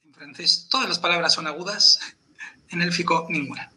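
High, sharp-toned man teaching. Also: moderate pace. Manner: patient, step-by-step, checks in with "¿vale?". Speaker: podcast presenter teaching Elvish pronunciation. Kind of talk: explanatory teaching chat.

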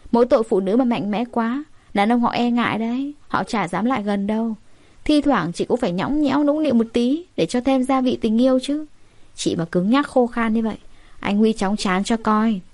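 A woman's voice: fairly high pitch, normal speed, darkish tone, no room sound, lightly acted. Woman voicing a cheeky young woman, teasing, playful, audio story.

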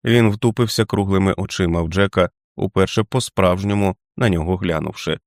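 A man narrating an audiobook in a measured, expressive reading voice. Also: deep voice, no echo, studio quality.

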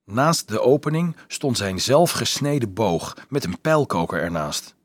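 A man reading a children's novel aloud as an expressive audiobook narrator. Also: medium pitch, unhurried, no echo, studio quality. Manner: expressive storytelling. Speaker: audiobook reader.

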